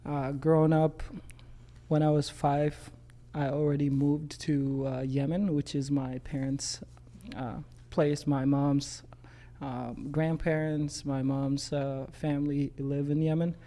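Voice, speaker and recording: Calm young man from Ethiopia, mellow voice. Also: fairly high pitch, slow pace. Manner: calm, storytelling with many uhs. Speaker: podcast guest. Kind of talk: casual interview storytelling.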